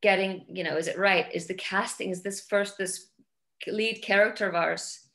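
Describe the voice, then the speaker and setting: Icelandic woman, middle-aged, film director, casual video-call chat, thoughtful, halting phrasing. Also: medium pitch, fairly even intonation, fairly bright tone. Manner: thoughtful, repeats words while searching for phrasing. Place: home room with large windows.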